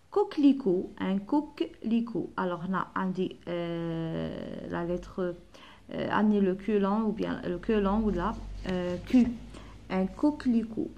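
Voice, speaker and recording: A woman primary school teacher, slowly spelling out letters and sounds from a workbook and slipping into Arabic dialect. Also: medium pitch, vocal fry, warm tone. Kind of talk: workbook lesson for children.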